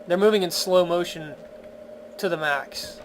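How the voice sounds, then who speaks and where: A man's voice: high-pitched, unhurried, slight background noise. A man giving casual let's-play commentary in a chatty, playful, wry way. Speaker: video game commentator. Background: game music.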